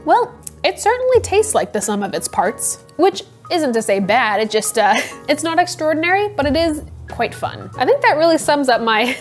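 A young woman in her twenties talks through a casual vlog in a playful, chatty way, with a slightly high voice. Soft music plays faintly behind her. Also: very animated, normal speed. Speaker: coffee video host. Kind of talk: casual product-review vlog.

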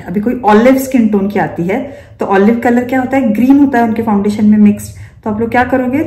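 A makeup teacher with a mellow, medium-pitched voice gives an instructional demonstration in an echoey room. She explains each step and keeps asking her students rhetorical questions.

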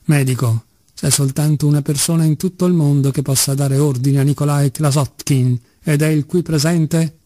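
A man's voice: fairly high pitch, steady tone, moderate pace, mellow, no echo, clean studio sound, natural voice. A man voicing a cheeky, defiant schoolboy. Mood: mocking. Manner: mocking, insolent.

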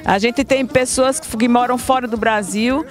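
A woman's voice: a little high, fairly even intonation, normal speed. A middle-aged woman with a Northeastern Brazilian accent giving an informal thank-you speech outdoors on a handheld mic, often adding tag questions. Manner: frequent tag questions seeking agreement. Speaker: family member of the event organisers giving thanks. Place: outdoors, standing before a group. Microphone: handheld microphone. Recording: outdoor report with faint music bed.

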